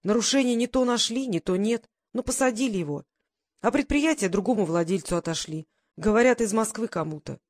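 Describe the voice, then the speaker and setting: A woman's voice: medium pitch, animated, brisk, darkish tone, no room sound, voice pushed up, natural voice. A woman voicing an anxious, stern older mother who scolds her grown daughter in an audiobook. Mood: worried. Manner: pleading, then stern and scolding.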